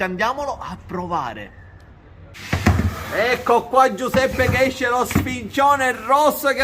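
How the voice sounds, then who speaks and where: High-pitched Sicilian man, food vlogging in dialect-laced Italian. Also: a bit bright, slight background noise. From Sicily, Italy. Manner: speaks Italian mixed with Sicilian dialect words. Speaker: food vlog host. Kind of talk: casual, exclamatory food vlog presenting.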